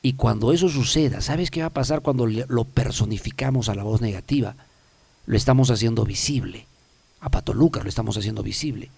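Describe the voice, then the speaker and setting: A man's voice: medium pitch, brisk, creaky, a little mellow, breathy edge, dry recording. A man hosting a self-help talk program, speaking emphatically and repeating key phrases for the listener. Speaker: self-help radio host. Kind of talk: motivational talk show monologue.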